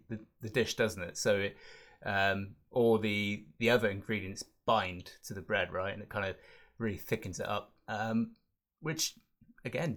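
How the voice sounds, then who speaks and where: A man's voice: fairly low pitch, fairly bright tone. A man co-hosting a food podcast, talking in a hesitant, filler-heavy way and laughing easily. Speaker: podcast co-host. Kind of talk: casual chat.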